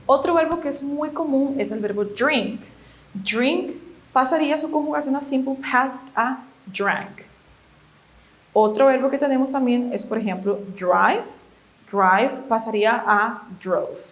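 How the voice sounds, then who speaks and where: A woman's voice: sits high, a little slow. Patient woman teaching English grammar. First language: Spanish. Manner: patient, explains step by step, often checks with "¿ok?". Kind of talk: video lesson explaining grammar.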